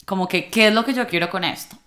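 A woman's voice: mid-range voice, fast talker, fairly bright tone. Reflective woman in her late twenties. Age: late 20s. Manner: reflective, conversational, frequent fillers and restarts. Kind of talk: personal vlog monologue.

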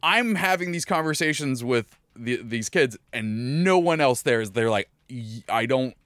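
Laughing podcast host, dry close mic. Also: male voice, medium pitch, animated, moderate pace, a bit bright, no room sound. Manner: laughs often, hesitant fillers. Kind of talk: casual podcast chat.

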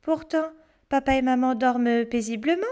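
A woman storyteller reading a children's story aloud, expressive and hushed for suspense. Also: high voice, normal speed.

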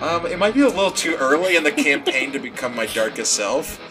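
A man's voice: a little high, expressive, fairly quick. A man playing a tabletop role-playing game, chatting casually and declaring actions. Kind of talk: casual chat and role-play. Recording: music playing behind the voice.

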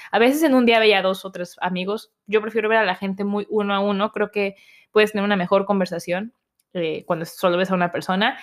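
A young Mexican woman with a Mexican accent, telling a personal story to her viewers in a casual, animated way and acting out her family's voices. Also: mid-range voice. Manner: animated, acts out voices of family, laughs often. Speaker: vlogger.

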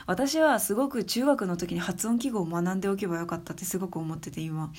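A young adult woman giving her views in a casual spoken monologue, soft and thinking aloud with many fillers. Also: lowish voice, fast talker. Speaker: speaker sharing views on education.

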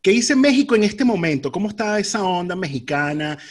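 Playful man hosting a podcast, higher voice. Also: expressive, a little fast. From Venezuela. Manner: playful, joking introductions. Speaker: podcast host. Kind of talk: casual podcast chat. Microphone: video call.

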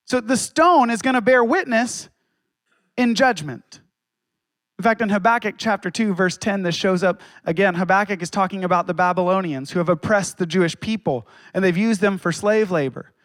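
A man preaches a sermon with a fairly high voice. He leans on dramatic pauses and acts out quotes. The sound is dry and close, with little room echo. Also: a bit bright. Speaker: pastor.

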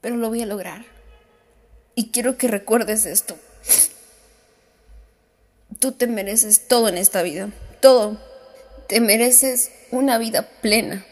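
Tearful slow-talking woman podcaster. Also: fairly high pitch, a little mellow. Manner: heartfelt, self-affirming, repetitive phrasing. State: crying. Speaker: podcast host. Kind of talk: emotional motivational podcast monologue. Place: on the way home.

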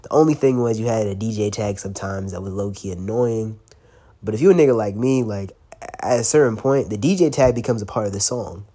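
On his casual solo podcast, a congested young man with a cold talks brisk and slangy, full of swearing and the occasional laugh. His voice is on the low side with a warm tone.

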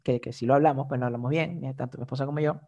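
Hombre joven venezolano, voz rasposa. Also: male voice, mid-range voice, very fast, lo-fi sound, faint music behind. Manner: animated, slangy, frequent filler "o sea". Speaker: interview guest, migrant living abroad. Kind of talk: casual conversational storytelling.

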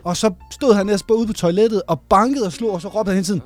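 A man co-hosting a casual chat, telling an animated story with plenty of laughs. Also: high-pitched, faint music behind. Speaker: podcast co-host.

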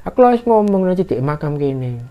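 Guy telling a story, voice all over the place, slips into a higher voice for the shouted lines. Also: a little fast, clear, resonant tone, highs cut off. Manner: animated, acts out shouted quotes in a higher voice. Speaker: guest storyteller. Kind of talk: casual spoken horror story.

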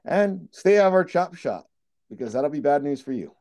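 A man's voice: on the high side, big pitch swings, normal speed, a little mellow. A man co-hosting a horror movie podcast, chatting casually and teasing his co-host, often laughing.

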